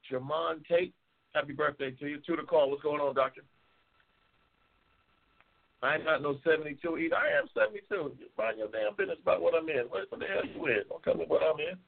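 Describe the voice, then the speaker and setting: A seventy-something man hosts a laid-back live stream, reading viewer comments and ribbing and trash-talking the audience. His voice sits on the high side with fairly even intonation, a brisk pace and vocal fry, heard through tinny, phone-like lo-fi sound.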